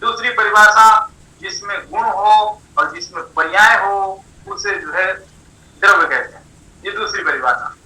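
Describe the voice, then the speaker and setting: A man teaching a philosophy lesson, explaining slowly, repeating definitions and asking rhetorical questions. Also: sits high, sharp tone, reverberant, distant mic, low-quality recording. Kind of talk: philosophy lecture.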